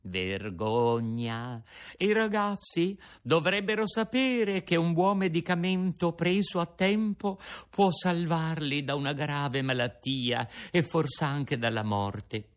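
A man voicing a patient, motherly fairy in a storybook reading, calm and gently scolding. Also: a little high, takes it slowly, voice pushed up.

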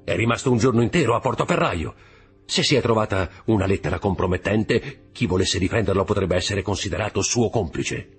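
A man's voice: fairly low pitch, fairly quick, slightly rough, soft background music, voice pushed up. A man voicing a scheming, cold-hearted male schemer with a raised, curt, dismissive delivery in a storybook reading. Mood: menacing.

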